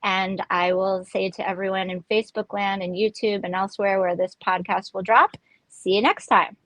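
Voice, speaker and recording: A woman's voice: mid-range voice, fairly even intonation, normal speed, a bit bright, no echo, low-quality recording. A woman born in South Africa, an immigration lawyer hosting a podcast, talking in a chatty way and laughing easily. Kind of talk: casual podcast interview.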